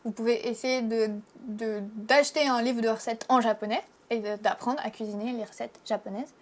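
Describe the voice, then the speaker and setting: Young French-accented woman, high voice, casual teacher explaining to camera, frank and chatty. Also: fairly even intonation, moderate pace. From France. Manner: chatty, frank, lots of fillers. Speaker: Japanese teacher and YouTuber. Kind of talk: casual video lesson.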